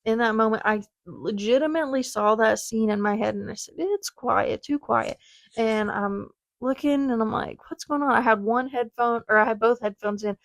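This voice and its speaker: Speaking at a normal speed in a steady, high-ish voice, this twenty-something woman runs a casual podcast on her own, recorded with no room sound. Her personal anecdote wanders off on chatty tangents as she pokes fun at herself.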